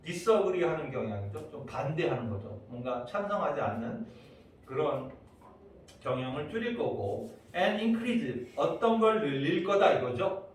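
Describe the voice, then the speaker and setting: A man's voice: a little high, animated, a little slow. Man teaching grammar in an echoey room. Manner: explains step by step, checks in with the class often. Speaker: English teacher. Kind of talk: exam-prep grammar lecture. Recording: echoey room, distant mic, faint noise.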